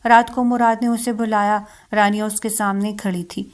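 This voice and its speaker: A woman reading a romance novel aloud as scripted narration, in a steady, even manner. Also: mid-range voice.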